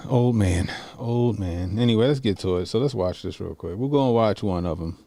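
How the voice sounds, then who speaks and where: This casual commentary comes from a man in his forties, a reaction streamer who curses freely and thinks out loud while getting a video ready. He speaks at a moderate pace in a lowish, darkish voice with lively intonation. The sound is dry and studio-clean.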